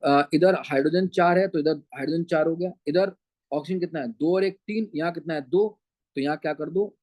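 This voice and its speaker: A man's voice: on the high side, fairly quick, a little mellow, no echo, poor audio. A man teaching chemistry in an online lecture, with a Punjabi-flavoured Hindi accent. He calls his students beta and keeps asking whether they follow. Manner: addresses students as beta, keeps checking understanding.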